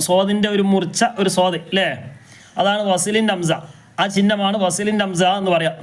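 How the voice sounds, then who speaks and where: A male recitation teacher leads a live class with a high-pitched, resonant voice. He works through each rule by posing questions, then demonstrates with slow, drawn-out chanting of the verses. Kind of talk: live class, explaining rules and reciting examples.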